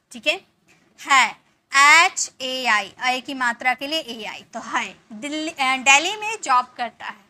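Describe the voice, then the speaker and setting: A woman's voice: sits high, pushed and bright. A woman teacher patiently spelling out words letter by letter, checking in often with her students. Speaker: English teacher. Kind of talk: spelling lesson in Hindi.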